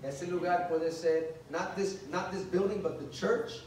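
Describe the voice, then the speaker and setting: A man's voice: sits high, fairly even intonation, measured pace, darkish tone, slight background noise. A man preaching to a youth service, joking and acting out little scenes, switching between English and Spanish. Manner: playful, joking, acts out dialogue. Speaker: youth pastor. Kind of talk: bilingual youth sermon. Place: church hall. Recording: echoey church hall from far off.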